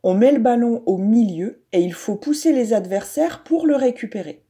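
Woman voicing a sturdy schoolboy rugby player, eager, high-pitched, mellow, storybook. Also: animated, normal speed, lightly acted. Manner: eager, enthusiastic. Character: sturdy good-natured boy rugby prop.

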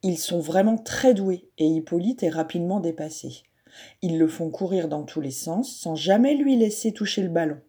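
A woman narrating a children's storybook softly and gently. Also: on the low side, animated, moderate pace, husky.

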